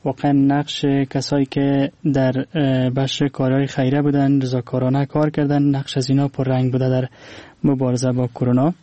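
A man with an Afghan Dari accent hosting a radio phone-in, politely questioning callers in halting phrases. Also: mid-range voice, monotone, mellow, dry recording. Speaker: radio call-in show host.

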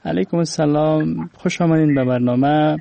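A man with an Afghan Dari accent hosting a radio phone-in, politely questioning callers in halting phrases. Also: a little high, gravelly, lo-fi sound, a little hiss or hum. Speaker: radio call-in show host.

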